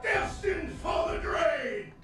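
A booming crab guard captain. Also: male voice, lively intonation, slow pace, shouting, full character voice. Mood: threatening. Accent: Southern US. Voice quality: booming, threatening. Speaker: boss enemy. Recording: game audio with music and crowd. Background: game music and crowd noise.

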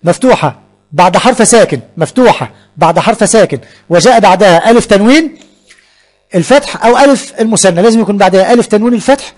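Man, Egyptian Arabic accent, brisk grammar lesson, higher voice, asks and answers himself. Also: expressive, darkish tone. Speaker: Arabic teacher.

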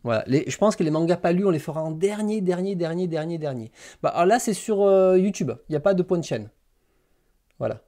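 Mellow-voiced man chatting on a livestream. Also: sits high, lively intonation, brisk. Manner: rambling, thinking aloud with many fillers. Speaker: livestream host. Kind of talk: casual live chat with viewers.

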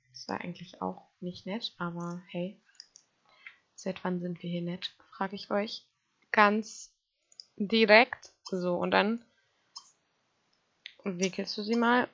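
German-style let's play girl talking to her sims, a bit gravelly, dull lo-fi mic sound. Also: mid-range voice, fairly even intonation, measured pace, a bit bright. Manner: chatty, talks to her game characters and viewers. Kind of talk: casual gameplay commentary.

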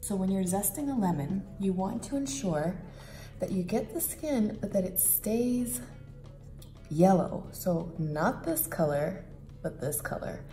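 A woman's voice: medium pitch, lively intonation, unhurried, mellow, soft background music. A woman in her thirties chatting casually through a home baking demo in her kitchen, rambling with lots of fillers.

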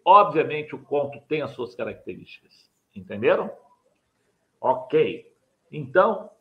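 Older male writing teacher, slightly higher pitch, explains point by point for a live webcam class. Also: fairly bright tone. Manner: didactic, repeats key points, asks viewers to like and subscribe. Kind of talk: live online mini-lesson. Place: home study with bookshelves.

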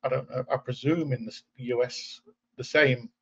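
The host, a man from England in his forties, has a mid-range voice with fairly even intonation, a fairly bright tone and a breathy edge, speaking at normal speed. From an indoor room at home he conducts a casual interview over webcam, musing and restarting phrases, in muffled lo-fi call audio.

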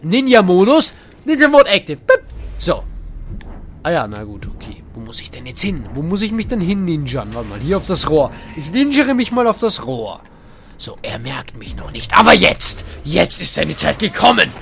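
A man giving playful, hammy gameplay commentary, dropping in English phrases and sudden shouts. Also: on the high side, very animated, normal speed, gravelly. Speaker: let's play gamer.

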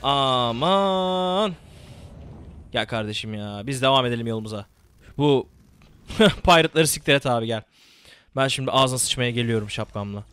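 A young man giving casual, excitable gameplay commentary, swearing and repeating words rapidly. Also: medium pitch, clear, resonant tone.

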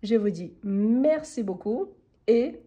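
A woman gives an online French grammar lesson while stuffed up with a cold. Her voice is husky and very dark, and she takes her time, reading an example sentence and then patiently laying out the rule behind it. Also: fairly high pitch, lively intonation, slow pace. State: congested with a cold. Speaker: French teacher.

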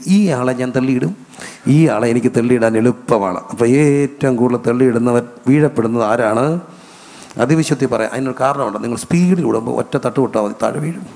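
In a church hall with a long reverb tail, a pastor with a Malayali accent preaches a sermon, asking his congregation questions, answering them himself and stretching out key words. His medium-pitched voice is creaky and darkish.

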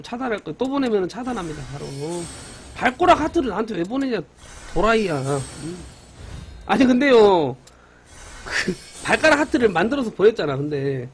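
A young man streaming a mobile game live, reacting excitedly and teasing his viewers. His voice sits high and swings widely in pitch. A faint hiss of noise runs underneath. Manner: excited, banters with viewers, mock-cursing. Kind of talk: live game commentary with chat.

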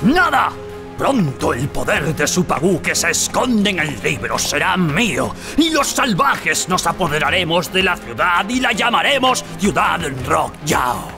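A man's voice: a little high, big pitch swings, measured pace, gravelly, heavily acted. A man voicing a pompous, scheming scorpion gang boss in a cartoon, as a gloating mustache-twirling villain. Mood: gloating, grandiose. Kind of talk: animated cartoon dub acting. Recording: loud music behind the voice.

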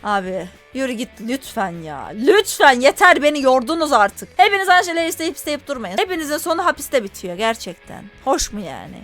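A woman's voice: sits high, sing-song, brisk, hardly any pauses, fairly bright tone, faint music behind. A woman gaming YouTuber giving casual, chatty let's-play commentary, teasing the game characters and complaining in mock exasperation.

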